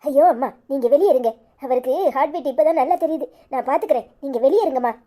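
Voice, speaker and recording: Woman voicing a woman doctor, cartoon, firm, brisk, high pitch, warm tone. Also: lightly acted. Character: firm female hospital doctor. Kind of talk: cartoon voice acting.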